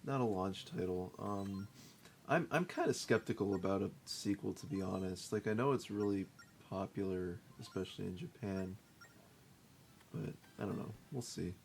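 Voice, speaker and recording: A man's voice: low-pitched, normal speed, creaky, darkish tone, slight background noise. A young man co-hosting a game stream, answering in a casual, hesitant way and trailing off. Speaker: co-host. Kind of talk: casual gaming chat.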